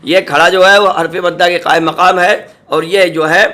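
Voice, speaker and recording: A man teaching Quran reading, spelling out syllables slowly and patiently and often checking that students follow. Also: sits high, fairly even intonation, bright, forceful tone. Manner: checks in with "samjhe?" and "theek hai". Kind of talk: spelling-out recitation lesson.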